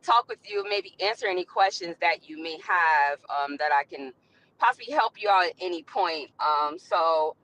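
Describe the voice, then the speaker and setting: A woman's voice: fairly low pitch, animated, normal speed, a bit bright, a little hiss or hum, poor audio. A woman calling into a live stream by phone while driving, explaining her side in a rambling, casual way with many fillers. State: driving, speaking from a car.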